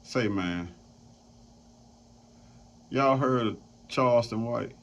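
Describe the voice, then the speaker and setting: A man's voice: medium pitch, slow pace, creaky. A man hosting a casual roundtable chat, loose and profane, rambling as he talks. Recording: dull lo-fi sound, faint noise.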